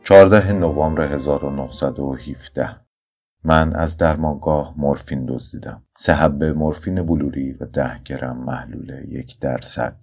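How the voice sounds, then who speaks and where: Very deep, dark male narrator voice. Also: creaky, soft background music. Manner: somber, measured, low-key reading. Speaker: audiobook narrator. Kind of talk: scripted first-person narration of a story.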